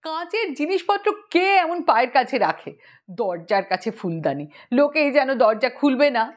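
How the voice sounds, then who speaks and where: A woman voicing a spoiled, sharp-tongued young boy who talks in quick, demanding bursts. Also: high-pitched, expressive. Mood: bossy.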